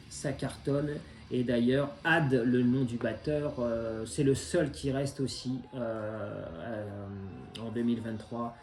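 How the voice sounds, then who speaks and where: Mellow-voiced man chatting in an echoey room. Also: medium pitch. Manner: hesitant, many filler sounds, enthusiastic. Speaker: record collector. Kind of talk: casual chat presenting vinyl records. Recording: roomy echo.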